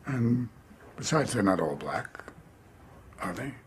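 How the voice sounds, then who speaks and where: Sentimental middle-aged dad, low voice, soft and wistful. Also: male voice, sing-song, slow, slightly rough, heavily acted. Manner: softly nostalgic, tender. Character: gentle middle-aged father, sentimental and fond. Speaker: father.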